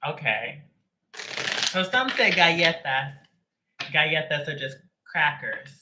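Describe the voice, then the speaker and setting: A man's voice: a little high, lively intonation, slow pace, background noise. A man hosting a live tarot reading, chatting casually with viewers and greeting them by name between joking asides. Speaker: tarot reader. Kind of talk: livestream chat before a reading.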